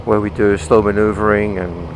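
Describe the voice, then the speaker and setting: A man's voice: on the low side, flat delivery, moderate pace, rough recording. A British man vlogging casually and explaining things as he rides, his voice recorded inside a motorcycle helmet. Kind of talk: casual explanatory vlog talk while riding. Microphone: microphone inside the helmet. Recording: clear engine, wind and traffic noise.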